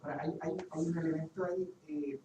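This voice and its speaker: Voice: mid-range voice, steady tone, fast. Participant, mid voice, rambling restarts; far off in echoey, hissy room. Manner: thinks aloud with many restarts. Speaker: workshop participant. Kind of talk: group discussion. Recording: echoey room, far from the mic, audible hiss.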